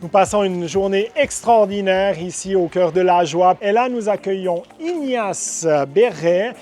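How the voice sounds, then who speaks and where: A man's voice: high-pitched, unhurried, a little mellow. A man, presenting local food producers on location in an effusive, enthusiastic way. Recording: music behind the voice.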